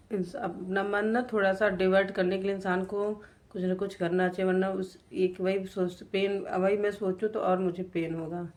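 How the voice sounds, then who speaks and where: A woman in her thirties, a vlogger and mother, narrating her day in a soft, unhurried way. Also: fairly low pitch. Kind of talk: casual vlog narration.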